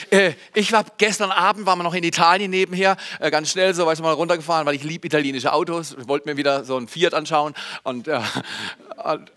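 Bright, high-voiced man preaching. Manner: animated, swings between loud emphasis and quiet asides; addresses the congregation directly. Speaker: pastor. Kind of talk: sermon. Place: church service.

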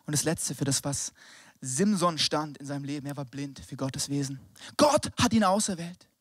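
A young male preacher with a high voice, giving a casual youth sermon that drops to near-whispers and then climbs into shouted exhortation. His German is slangy and sprinkled with English words. The sound is dry and close. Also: lively intonation, normal speed, slightly rough, no echo.

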